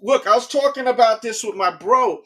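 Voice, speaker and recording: A man with a high voice talks in loose, casual chat. His tone is bright and forceful. He rambles, restarts his sentences and keeps checking in with his listener. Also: moderate pace. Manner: rambling, keeps asking "you know what I mean".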